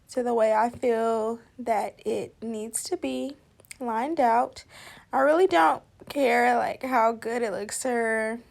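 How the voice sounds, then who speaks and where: A woman's voice: on the high side, vocal fry. A young woman chatting casually through a makeup tutorial voice-over, easygoing and talking through each step. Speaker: makeup artist.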